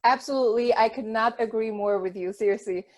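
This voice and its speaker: Woman host, casual interview, eager questions, fairly high voice. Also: a little fast.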